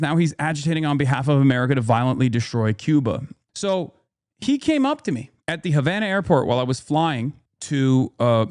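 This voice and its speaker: A man's voice: on the high side, darkish tone, no echo, studio quality. A man streaming a heated, profane rant, telling an angry story with mocking impressions of others. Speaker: political streamer.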